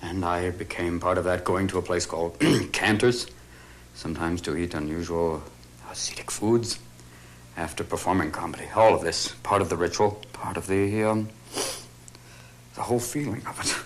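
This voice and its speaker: Man, very deep voice, hushed, mock-solemn, half-whispered, faint hiss. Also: moderate pace.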